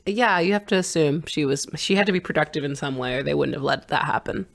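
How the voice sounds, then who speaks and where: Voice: mid-range voice, fast, vocal fry, fairly bright tone. Casual podcast co-host, joking and laughing. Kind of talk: casual chat.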